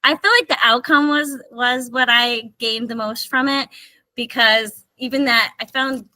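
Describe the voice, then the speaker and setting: Bright-voiced enthusiastic woman teacher. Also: a little high, fairly even intonation, a little slow, no echo, low-quality recording. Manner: earnest, enthusiastic. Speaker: special education teacher, guest. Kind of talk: conversational interview.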